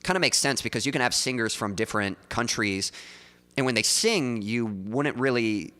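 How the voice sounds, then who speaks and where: A man's voice: mid-range voice, normal speed, sharp tone, in a large hall. A man streaming as a songwriter, talking loosely with lots of "like" and "um" into a studio mic in front of his mouth. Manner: loose and chatty, full of likes and ums. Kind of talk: casual livestream chat.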